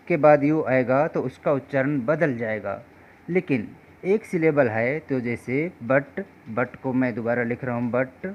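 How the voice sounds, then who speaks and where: A man teaching English pronunciation rules in a slow, patient way, often calling his viewers friends. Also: medium pitch, dull audio.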